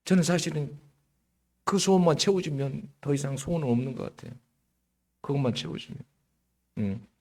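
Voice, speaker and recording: A middle-aged man preaching a sermon as pastor, slightly hoarse, telling stories in a lively way and often checking in with the congregation. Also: a little high, normal speed, long pauses. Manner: lively storytelling with frequent rhetorical "응?".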